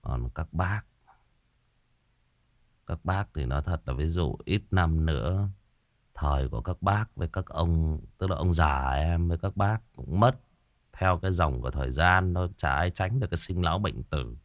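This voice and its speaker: Male host, very low voice, dry close sound; chatty reminiscing with repetitions. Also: moderate pace, no room sound, highs cut off. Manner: chatty, animated when reminiscing, many repetitions. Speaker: ghost story podcast host. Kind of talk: casual reflective storytelling to listeners.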